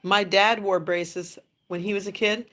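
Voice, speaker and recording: A middle-aged woman hosts a casual family livestream, talking with her children in a gentle, patient way. She guides and coaches them as they go. Her voice sits at an ordinary middle pitch. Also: fairly even intonation, unhurried. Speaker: parent hosting a family livestream.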